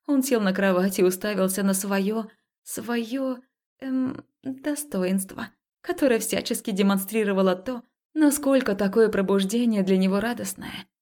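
A woman narrates a first-person romance audiobook in a mid-range voice, unhurried, expressive and confessional, and she acts out the dialogue.

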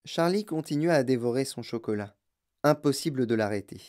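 A man reading a children's novel aloud as an audiobook narrator, with expressive storytelling. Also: mid-range voice, brisk. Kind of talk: scripted narration.

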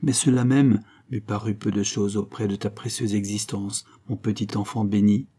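A man voicing a devoted, fretful old male servant who talks in a pleading, fervent way, his voice husky. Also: on the low side, steady tone, moderate pace, mellow.

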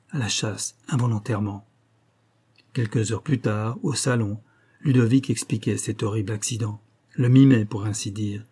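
A man narrating a classic novel as an audiobook, in a measured, dramatic storytelling manner. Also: mid-range voice, dark tone, husky.

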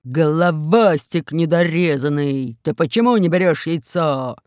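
A woman voicing a fat, blustering male space pirate in an audiobook story, gruff and drawn-out. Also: low voice, a little mellow, no room sound, studio quality. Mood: cursing.

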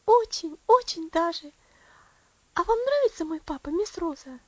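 A woman's voice: extremely high pitch, animated, a little slow, dry recording, muffled recording, pitched above the performer's own voice. A woman voicing an earnest, tender little girl in an audiobook, speaking eagerly and from the heart. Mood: eager, heartfelt. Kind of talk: audiobook character voice.

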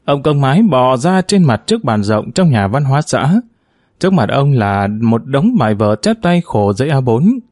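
Man narrating an expressive audiobook. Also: mid-range voice, dry recording, studio quality. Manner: measured, expressive storytelling.

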